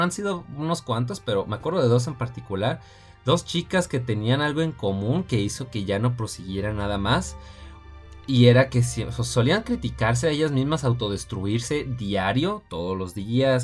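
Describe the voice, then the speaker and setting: A man with a Mexican accent hosting a casual film review podcast, talking chattily and often addressing his listeners directly. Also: mid-range voice. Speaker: podcast host.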